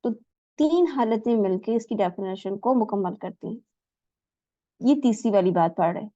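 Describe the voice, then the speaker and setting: A woman's voice: mid-range voice, lively intonation, warm tone, no room sound, lo-fi sound. A woman teaching Quran recitation in an online class, asking her students questions, praising their answers and sounding out letters for them. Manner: demonstrates letter sounds aloud.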